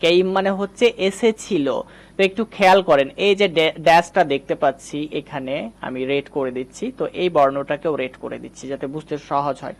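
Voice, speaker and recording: A man's voice: a little high, brisk. A man teaching English reading, patiently explaining and quizzing his viewers. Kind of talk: screen-recorded lesson.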